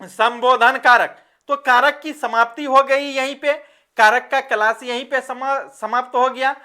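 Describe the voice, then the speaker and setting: Slow, bright-voiced woman teacher. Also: sits high, fairly even intonation. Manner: acts out example sentences in a drawn-out voice. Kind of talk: grammar lesson.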